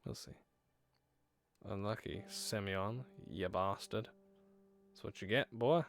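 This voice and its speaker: A man's voice: fairly low pitch, takes it slowly. A young man streaming a horror game, reading its text aloud and bantering with chat, swearing and laughing as he goes, on a headset mic in a small room.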